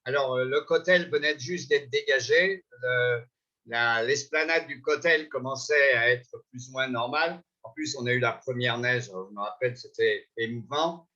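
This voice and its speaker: Older man, French accent, lecture storytelling, halting speech, muffled lo-fi sound. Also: mid-range voice, bright, forceful tone. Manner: conversational, many hesitations and restarts. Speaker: lecturer recounting his life. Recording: dull lo-fi recording.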